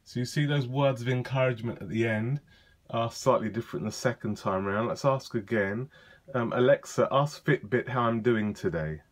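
A man casually demonstrating a voice assistant, talking in a relaxed, chatty way with lots of ums and uhs. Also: medium pitch, moderate pace. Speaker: tech vlogger demonstrating a device. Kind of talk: casual spoken demo.

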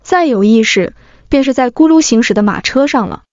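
A woman narrates a first-person story in a soft, steady reading voice that sits slightly high. The recording is very dry, with no room sound. It is also a little dull and lo-fi. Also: a little fast, dry recording. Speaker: audiobook narrator.

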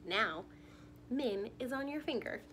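Reading a picture book to small children in a living room, a young woman speaks expressively and puts questions straight to her young audience. Her slightly high voice has lively intonation and an unhurried pace. The background is noisy.

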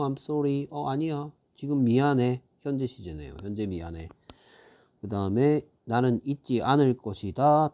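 A man teaching an English grammar lesson, reading example sentences slowly and then explaining them in quick bursts. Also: fairly low pitch, muffled recording.

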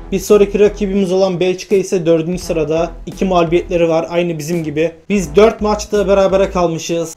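A man giving live commentary over his own football video game match, bursting with excitement on goals and muttering to himself when things go wrong. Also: sits high. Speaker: gaming YouTuber.

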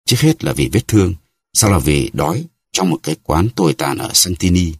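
A man's voice: low voice, lively intonation, fairly quick, husky, no echo, studio quality, exaggerated voice. A man voicing a vain, boastful musketeer who talks haughtily and acts offended. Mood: haughty.

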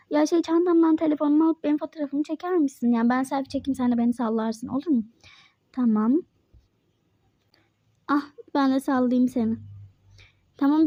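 High-voiced girl in game role-play. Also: no echo, lo-fi sound. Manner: chatty, playful, quick back-and-forth. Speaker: Toca Life roleplay player voicing Mike.

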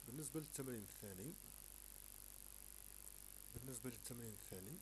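A man with an Algerian accent walks young learners through a French textbook. He speaks at an ordinary pitch, slowly repeating each word and sounding out single letters. Faint music plays under his voice. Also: expressive, poor audio. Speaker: teacher. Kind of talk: explaining a French textbook lesson in Arabic.

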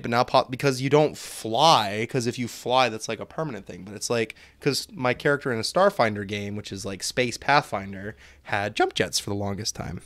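A man's voice: fairly low pitch, fairly bright tone, dry recording. A young man streaming a game live from home, chatting casually, swearing and laughing as he reads out the game's text. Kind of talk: casual live-stream commentary while playing.

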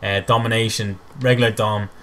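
Fast-talking young gameplay commentator. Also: male voice, on the low side. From Ireland. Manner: rambling, excitable, self-mocking. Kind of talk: game commentary voice-over.

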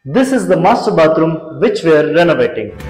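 A young man with a notably high voice explains renovation plans room by room in a steady, scripted manner. His lapel mic catches the long echo of empty, uncarpeted rooms. Clear background music runs under his talk. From India. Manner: measured, explanatory, pointing out features. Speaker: renovation company founder presenting a walkthrough. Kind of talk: scripted walkthrough presentation. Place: large empty apartment rooms, indoors.

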